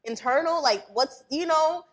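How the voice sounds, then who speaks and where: Young adult woman, talk-show host, animated and chatty, higher-pitched voice. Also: unhurried. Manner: animated, chatty, lots of restarts. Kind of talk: casual interview hosting.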